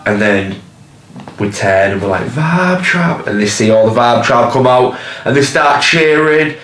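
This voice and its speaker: A man's voice: fairly low pitch, little pitch movement, moderate pace, a bit bright, roomy sound. A man, a band member telling a story in a documentary interview with a teasing manner.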